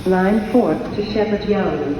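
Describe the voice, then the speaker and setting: A woman's voice giving slow, measured subway public address announcements as a transit announcer, heard through a loudspeaker. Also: mid-range voice. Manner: slow, measured, evenly spaced phrasing. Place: underground subway car and platform. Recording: echoey loudspeaker from far off, loud train noise.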